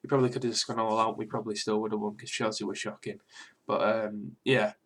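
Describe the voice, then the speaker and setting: A young British man with a sore throat talking quietly but clearly in a casual, rambling, sweary football reaction vlog. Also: fairly low pitch, little pitch movement, quick pace. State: mildly ill with a sore throat. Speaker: football fan video host.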